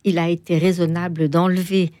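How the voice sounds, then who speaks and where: A woman guest explaining things in an interview, hesitant, with many pauses and fillers. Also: fairly low pitch, little pitch movement, dark tone, no echo, clean studio sound. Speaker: toponymy expert guest. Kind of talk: interview answers.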